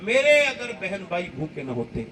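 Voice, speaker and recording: A man preaching outdoors voices a poor young woman who pleads with God in tears, his voice raised in pitch. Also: very animated, fairly bright tone, recorded from a distance, a little hiss or hum. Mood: pleading. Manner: tearful, pleading.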